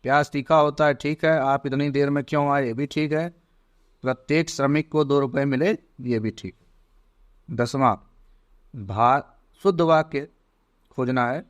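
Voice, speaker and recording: Slow-talking male teacher. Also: mid-range voice, fairly even intonation. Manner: slow, deliberate, spells out words one by one. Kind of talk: exam prep lesson.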